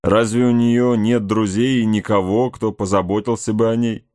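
A man reading aloud voices an aging frontier scout, shrewd and steady, speaking in a deliberate, musing way. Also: on the low side, no echo, studio quality, natural voice.

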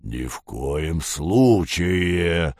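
A man's voice: expressive, extremely slow, darkish tone, no room sound, clean studio sound, exaggerated voice. A man doing a fat, whining pirate boss. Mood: booming, stern. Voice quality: booming, fat-voiced, whining. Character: fat whiny male pirate boss, greedy, panicky. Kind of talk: audiobook reading.

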